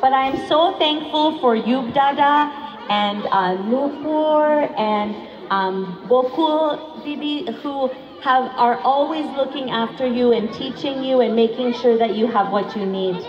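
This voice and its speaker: A high-voiced Canadian woman gives a simple public address at a very unhurried pace. Her native language is English, and her Bengali carries a foreign accent. The sound rings around an echoey hall. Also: a crowd in the background. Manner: slow, halting, simple learner's Bengali. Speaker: guest speaker at a charity Christmas program. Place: large echoey room with an audience. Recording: echoey hall, muffled, audience noise behind.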